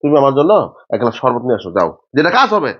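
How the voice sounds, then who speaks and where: A man's voice: mid-range voice, very animated, rapid-fire, fairly bright tone, muffled recording. A young man acting a husband in a domestic drama, flustered, stammering and evasive.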